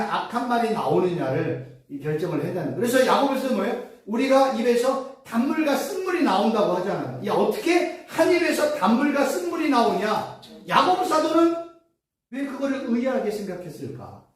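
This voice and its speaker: 울리는 강의실의 높은 톤 여자 교수. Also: female voice, fairly high pitch, very animated, fairly quick, a little mellow. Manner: emphatic, repetitive, rhetorical questions. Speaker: theology professor. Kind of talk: sermon-like Bible lecture. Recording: echoey room, far from mic.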